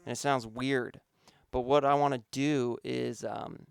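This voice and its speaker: Man, producer, casual mixing lesson, gravelly, smooth, dry close mic. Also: medium pitch, unhurried, no echo. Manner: relaxed, thinking aloud with fillers. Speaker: music producer teaching mixing. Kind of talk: casual instructional walkthrough.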